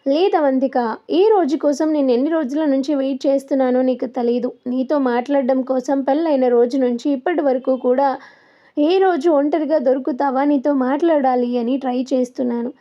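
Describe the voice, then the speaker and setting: A woman voicing a scheming, pushy young married man who talks in a loud, insistent way. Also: sits high, fairly even intonation, fairly quick, natural voice. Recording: dull lo-fi recording.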